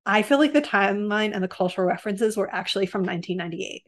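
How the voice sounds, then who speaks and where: A woman's voice: mid-range voice, fast. Chatty woman in casual film talk. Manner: chatty, animated, many fillers. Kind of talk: casual chat about a film.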